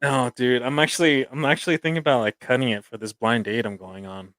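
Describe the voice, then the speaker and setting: A laid-back young man co-hosts a podcast, calling his partner "dude" and laughing along. His voice is mid-pitched. The recording is dry and close. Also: fairly even intonation, fast, fairly bright tone, dry recording. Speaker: podcast co-host. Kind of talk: casual chat.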